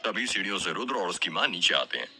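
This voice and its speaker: Expressive male storyteller, bright voice. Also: low voice, fast, soft background music. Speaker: narrator. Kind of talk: scripted story narration.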